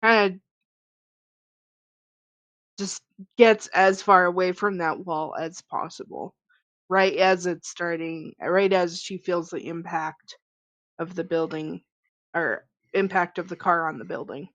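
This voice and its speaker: A woman playing a tabletop role-playing game, describing her character's actions in a hesitant, relaxed way. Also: on the low side, slow pace, pauses often, dry recording, muffled recording. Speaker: player.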